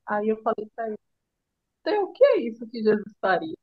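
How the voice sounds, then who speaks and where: A middle-aged Brazilian woman with a fairly high voice recounts her son's illness, soft and halting, often pausing to restart. The recording is dry and close, with slightly dull sound. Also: big pitch swings, no room sound. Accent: Brazilian Portuguese. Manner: tender, halting, with many restarts and "né?". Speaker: mother telling her son's story. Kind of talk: emotional personal storytelling.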